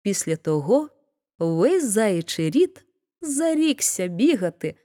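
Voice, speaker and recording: A woman narrating a fairy tale aloud in an expressive storybook reading. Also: mid-range voice, slow pace.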